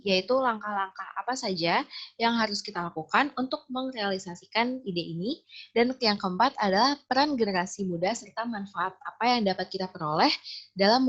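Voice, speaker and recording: A woman's voice: mid-range voice, slightly rough, highs cut off. Young woman reading out a presentation. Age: young adult. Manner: steady, methodical, lists points in order. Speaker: student presenter, team member. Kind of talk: student essay presentation.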